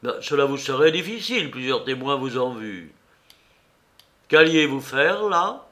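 A man voicing a severe police commissioner who questions a suspect sharply and loudly. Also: mid-range voice, lively intonation, unhurried. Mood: stern. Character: stern, probing male police commissioner.

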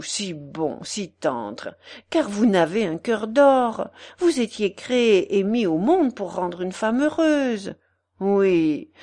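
A gushing, coaxing concierge, put on by a woman reader; bright, swooping, over the top. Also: mid-range voice. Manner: effusive, wheedling and theatrical. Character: brash, gushing middle-aged woman concierge, coaxing and dramatic.

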